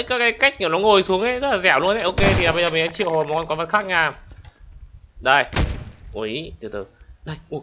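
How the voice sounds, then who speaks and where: A man giving excited gameplay commentary, breaking into loud exclamations as he plays. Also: on the high side, muffled recording. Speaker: gaming YouTuber. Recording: game music playing behind the voice. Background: game music.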